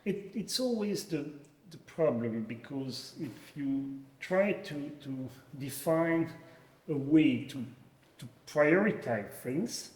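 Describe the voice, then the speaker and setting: A man's voice: fairly high pitch, expressive, takes it slowly, darkish tone. Hesitant Belgian man in echoey hall. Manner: hesitant, many fillers and restarts. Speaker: fintech founder, guest. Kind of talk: conference interview. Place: conference venue, echoey hall.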